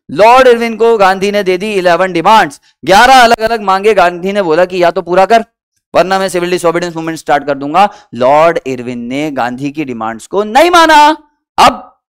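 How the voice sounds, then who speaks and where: A man's voice: high-pitched, a bit bright, clean tone. A man teaching a history lesson in Hindi-English mix, constantly asking the class questions and having them repeat answers. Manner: quizzes students with repeated questions and calls them beta, acts out short quoted bits. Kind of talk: energetic classroom-style lesson.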